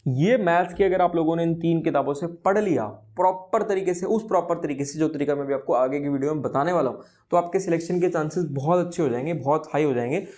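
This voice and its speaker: A man's voice: fairly high pitch, fast talker, darkish tone. A young man giving exam preparation advice as a tutor, earnest and repeating his promises.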